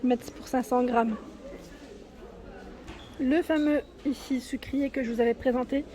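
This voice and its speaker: Filming a casual shopping vlog on a handheld phone inside a large store, a woman chats with viewers about products and prices and often adds "hein" to her sentences. Her voice is high and dark in tone, steady, at a normal speed.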